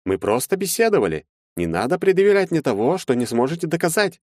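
A man's voice: on the high side, big pitch swings, a little fast, a little mellow, no room sound, studio quality, voice pushed up. A man reading an audiobook, voicing a nervous, evasive middle-aged male lawyer who talks around every question. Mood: indignant.

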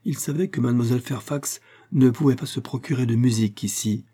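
A man voicing a charming young gentleman who speaks with polished, suggestive courtesy. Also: medium pitch, brisk, slightly rough, close to an everyday voice. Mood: insinuating.

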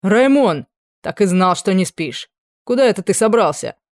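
A reader voicing a brash guard captain who barges in loud, blunt and sneering. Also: mid-range voice, moderate pace, dry recording, clean studio sound, natural voice.

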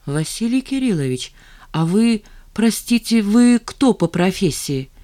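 A fierce, scornful woman in an audiobook scene, her voice raised and biting as she tells an intruder off , as the reader puts her on. Pitched higher and louder than the narration, and cutting. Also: sing-song, measured pace. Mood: probing. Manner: angry, raised voice. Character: furious sharp-tongued woman, hostess.

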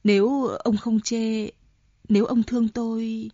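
A woman voicing a frightened, insistent older woman who pleads breathlessly in a high voice, on a dull lo-fi audiobook recording. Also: level tone, unhurried, mellow, dry recording. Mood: pleading.

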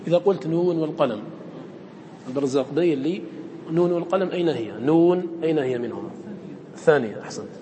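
A male teacher giving a classroom lesson, quizzing his students and slowly drawing out the lines he quotes. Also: on the high side, lively intonation, dark tone, long reverb tail, slight background noise.

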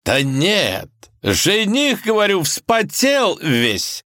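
A man's voice: high-pitched, huge pitch swings, very slow, bright, forceful tone, no room sound, studio quality, voice pushed up, exaggerated voice. A man voicing a jovial, boisterous older male kaiser who declaims rhymes.

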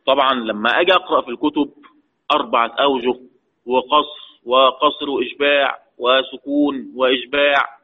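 Husky Egyptian sheikh teaching recitation. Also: male voice, mid-range voice, steady tone. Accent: Egyptian Arabic. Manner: asks the class questions and answers them himself; slow, drawn-out stress on key terms. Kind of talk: lecture mixing colloquial and formal Arabic. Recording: tinny phone-like lo-fi audio.

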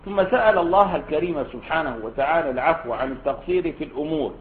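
A man's voice: fairly high pitch, lively intonation, rapid-fire. A male scholar giving a classroom lesson explaining a classical text, posing questions to his students as he goes. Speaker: Islamic scholar teaching a text. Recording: tinny phone-like lecture recording.

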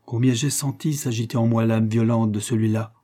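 A man reading the part of an aristocratic woman confessing a dark temptation, in an intense, grave manner. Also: mid-range voice, steady tone, fairly quick, natural voice.

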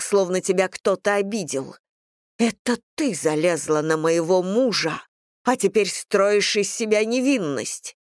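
Audiobook mother, read by the narrator: icy, slow, hissing rage, dry close read. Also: mid-range voice, dry recording, close to an everyday voice. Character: cold, furious middle-aged mother. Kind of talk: audiobook character reading.

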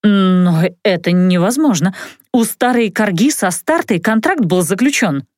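Stern middle-aged mother, sharp and scolding, a woman reader doing her, lively pitch, dry sound. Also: measured pace, dry recording, lightly acted. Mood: stern, angry. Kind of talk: audiobook character voice.

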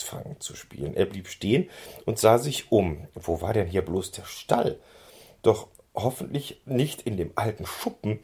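A man reading a children's book aloud in an expressive storytelling manner, on a handheld recorder. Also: low-pitched, creaky, husky. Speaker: reader.

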